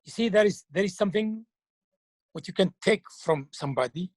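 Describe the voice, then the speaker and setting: Husky man, halting and earnest. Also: high voice, no echo. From Algeria. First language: French. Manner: earnest, halting, repeats words while searching for them. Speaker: clown and children's TV performer. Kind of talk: interview answers.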